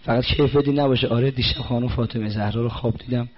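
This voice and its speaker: A man giving a sermon, putting direct questions to his listeners and slowing down to recite scripture. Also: mid-range voice, fairly even intonation, slightly rough. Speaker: religious preacher. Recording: dull lo-fi recording.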